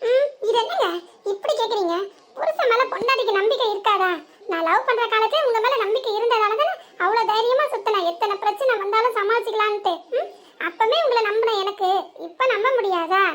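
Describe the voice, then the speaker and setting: A woman's voice: very high-pitched, a little fast, a bit bright. A woman voicing an emotional, loyal young village wife in a cartoon, with a southern Tamil Nadu accent, teasing and earnest by turns. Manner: teasing, then tearful and earnest. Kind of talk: cartoon voice acting.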